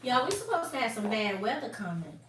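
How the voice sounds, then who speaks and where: In her forties, this woman hosts a live stream where she talks directly to her viewers in casual chat and laughs a lot. She speaks fairly quickly in a voice that's a little high and very animated, recorded in an echoey room with a distant mic and faint noise.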